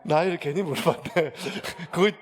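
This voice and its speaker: A man's voice: on the high side, normal speed. A male pastor, chattily telling a story in a sermon, full of fillers. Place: church sanctuary. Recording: long church hall reverb.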